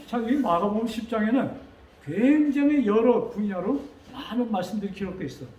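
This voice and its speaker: A man preaching a sermon as pastor. He asks the congregation questions and rises to loud, dramatic quotes. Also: high voice, lively intonation, brisk, reverberant, lo-fi sound.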